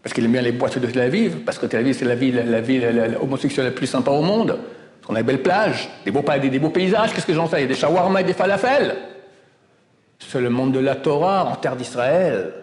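A man teaching Torah as a sermon, emphatic, with loud exclamations and hushed asides. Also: mid-range voice, expressive, quick pace, roomy sound, long reverb tail.

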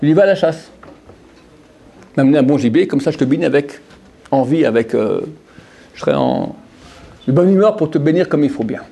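A man's voice: on the high side, animated, a little fast, vocal fry, long pauses, dark tone, breathy edge. A man giving a Torah lesson to a group of men, repeating phrases and putting questions to his listeners. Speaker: Torah teacher.

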